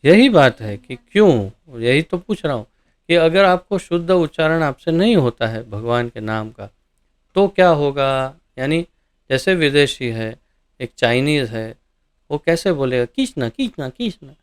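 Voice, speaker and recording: A man's voice: mid-range voice, measured pace, smooth. A man teaching a devotional scripture class, asking his listeners questions and animatedly explaining verses. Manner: animated, rhetorical questions to audience. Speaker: ISKCON preacher.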